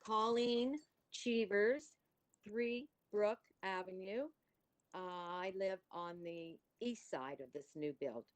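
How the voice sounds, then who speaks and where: A woman's voice: medium pitch, takes it slowly, dry recording. A woman giving brief, hesitant comments at a public hearing, her voice faint and distant because her phone is held away from her mouth.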